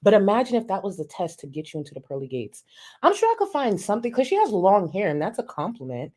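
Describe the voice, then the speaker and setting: Very animated and quick, with a dark tone at medium pitch, a woman streams live, reacting to a video. She reads super chats aloud in casual commentary full of sass, profanity, mockery, and frequent laughter.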